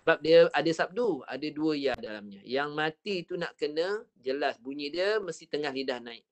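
Malaysian guy teaching quran reading online, fairly high voice, repeats every sound for the class. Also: expressive. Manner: patient, models sounds slowly and repeats them. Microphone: online video call.

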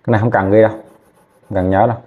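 Man, chemistry teacher, slow repetitive dictation, checks understanding often, slightly low voice. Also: little pitch movement, narrow, tinny audio. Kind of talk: classroom lesson, dictating formulas.

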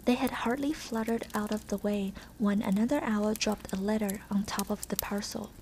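A woman giving a soft, whispered ASMR reading of a storybook. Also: mid-range voice, moderate pace, a little hiss or hum, poor audio.

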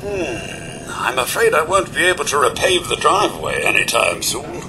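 A man's voice: on the high side, huge pitch swings, normal speed, gravelly, noisy background, heavily acted. A man playing a courteous, dutiful robot butler in a video game, with a prim, polite and servile manner. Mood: dutiful, reassuring.

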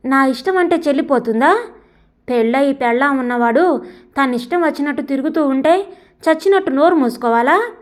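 A woman's voice: high-pitched, natural voice. Woman voicing a fiery, indignant friend. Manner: scolding, rapid questions.

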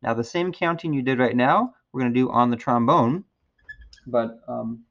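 A man teaching a beginner trombone lesson, patient and encouraging, counting out loud with his students. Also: mid-range voice, normal speed, vocal fry, lo-fi sound. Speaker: music teacher.

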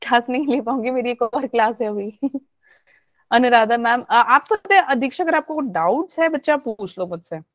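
A woman's voice: a little high, animated, moderate pace, no room sound. Chatty woman teacher on a lo-fi call. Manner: chatty, coaxing, mixes English into speech. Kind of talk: live online class. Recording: dull lo-fi online audio.

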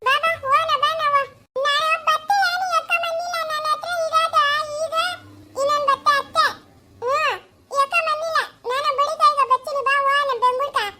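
A squeaky little village girl. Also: fairly even intonation, a little fast, long pauses, sharp tone, slight background noise, heavily acted. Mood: coaxing. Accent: Chikkaballapur Kannada. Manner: squeaky, coaxing, high-pitched child voice. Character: small village girl, eager and restless.

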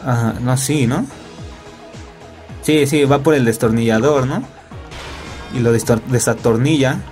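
A man's voice: medium pitch, a little slow, darkish tone, faint music behind. A young man with a Mexican Spanish accent doing casual, joking gameplay commentary, padded with fillers and tag questions. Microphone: laptop recording.

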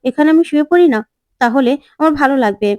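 Scheming young woman feigning illness, read by a woman; whiny, high, dry. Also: animated, quick pace, dark tone, no echo.

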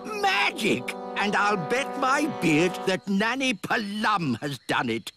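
A man's voice: high voice, wildly swooping pitch, slow, pushed and bright, soft background music, heavily acted. A man playing a grumpy, pompous old elf with a beard in a children's cartoon, declaiming with exasperation. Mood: exasperated.

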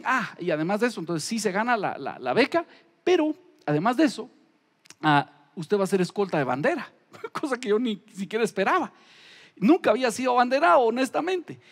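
A middle-aged man, a pastor preaching a storytelling sermon, animated, acting out the voices he quotes. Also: high-pitched, big-room sound.

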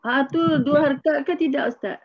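A woman student with a Malaysian Malay accent asking quick questions in a casual class discussion. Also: high voice, highs cut off.

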